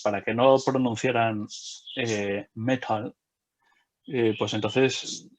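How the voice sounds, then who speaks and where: A man's voice: mid-range voice, steady tone, slow pace. A middle-aged man, talking casually in an interview, hesitant with many fillers and restarts. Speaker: game designer and illustrator.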